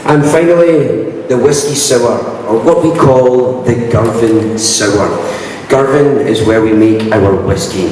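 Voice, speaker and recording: A man's voice: medium pitch, unhurried, darkish tone. A man with a broad Scottish accent giving an informal, self-deprecating promotional speech as the host of a live event. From Scotland. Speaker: whisky brand ambassador, event host. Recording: echoey hall, distant mic, noisy room.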